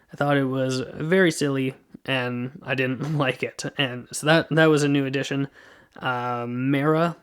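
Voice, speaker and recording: A man's voice: medium pitch, smooth. A man hosting a solo movie podcast, reviewing a film in a casual, rambling way and often correcting himself. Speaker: podcast host.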